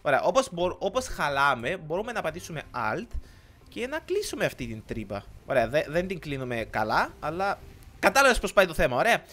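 A young man with a Cypriot Greek accent, giving casual let's-play commentary in an excitable, rambling way, often slipping in English words. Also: a little high. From Cyprus. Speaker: gaming YouTuber.

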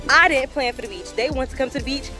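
A woman's voice: sits high, fast talker, over music. An American woman in her twenties chatting casually to a handheld camera outdoors at the beach. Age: 20s. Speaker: vlogger. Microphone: handheld camera at arm's length.

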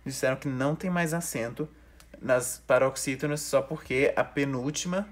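A man's voice: mid-range voice, normal speed. A young man, teaching a recorded online grammar review lesson and explaining step by step, sometimes restarting words.

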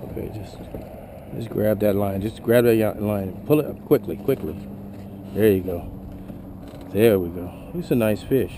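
A middle-aged man coaching his wife as she fishes from a small boat, calmly repeating short instructions. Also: fairly low pitch, normal speed, pauses often. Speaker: husband filming a fishing trip. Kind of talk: casual coaching while fishing. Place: small boat on a river outdoors. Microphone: head-mounted action camera. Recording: outdoor wind and water noise. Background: boat and water noise.

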